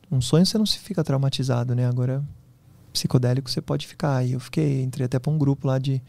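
A man talking quickly in a casual podcast chat, his voice gravelly with fry and a dark, mellow tone. He tells stories with animated energy. The sound is close and dry. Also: mid-range voice, dry recording. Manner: fast, animated storytelling. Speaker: podcast guest. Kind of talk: casual interview storytelling.

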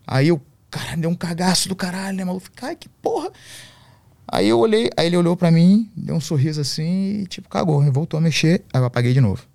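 Brief: man, podcast guest, animated storyteller, dry close sound. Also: fairly high pitch, fast, gravelly, few pauses, no echo. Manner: slangy, animated storytelling full of swearing. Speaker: podcast guest, MMA coach. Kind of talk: casual storytelling.

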